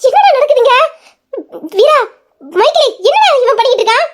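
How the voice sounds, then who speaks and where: A woman's voice: extremely high pitch, big pitch swings, a little fast, a little hiss or hum. A woman playing a bossy, exasperated big sister. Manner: scolding, exasperated questions. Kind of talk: comic storybook voice acting.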